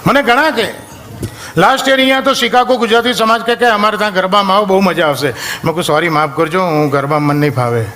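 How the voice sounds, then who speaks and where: A man with a Gujarati accent doing stand-up comedy on stage, telling stories in a lively way and breaking into drawn-out snatches of film songs. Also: sits high.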